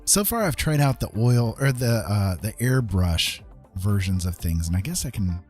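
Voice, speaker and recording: A man with a fairly low, darkish, expressive voice streams a painting session as an art tutorial streamer, chatting casually at a moderate pace. He thinks aloud in a hesitant, rambling way while soft music plays in the background.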